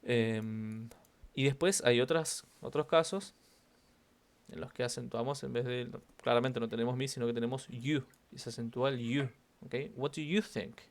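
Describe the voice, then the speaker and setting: A man's voice: medium pitch, fairly even intonation, normal speed. A man with a Rioplatense Spanish accent teaching an online English class, explaining intonation and repeating example phrases with stress.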